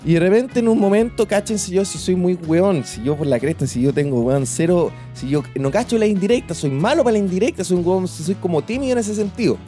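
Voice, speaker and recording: Young chilean man, podcast host, crude slangy storytelling, rambling restarts, slightly high warm voice, faint guitar behind. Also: lively intonation, brisk, hardly any pauses. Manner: repeats words and restarts often. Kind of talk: personal storytelling.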